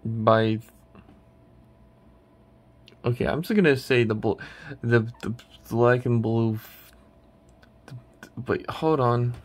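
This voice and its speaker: A man with a medium-pitched voice hosts his channel, casually ranking a tier list. He speaks slowly, pausing often, rambling and hesitant with lots of restarts.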